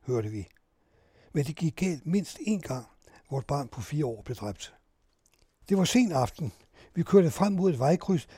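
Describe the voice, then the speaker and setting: A man calmly narrating a first-person eyewitness account in a measured storytelling manner. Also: a little high, husky, no echo, studio quality.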